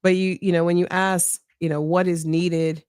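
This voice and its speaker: A strong-voiced, middle-aged woman running for mayor reflects earnestly during a candid interview, punctuating her measured remarks with "right?". Her lowish voice has a flat delivery and a darkish, clear, resonant tone, with dry, clean studio sound.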